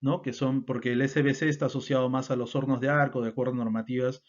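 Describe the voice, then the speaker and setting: A man's voice: medium pitch, fairly even intonation, fast talker. A man giving a technical lecture, explaining step by step and often tagging his sentences with questions and fillers. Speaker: instructor. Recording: dull lo-fi sound.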